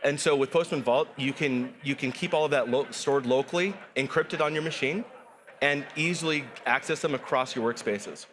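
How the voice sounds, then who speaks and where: A man guest explaining a software product in an upbeat, explanatory way, with some restarts. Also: mid-range voice, normal speed, slight background noise. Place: conference studio set.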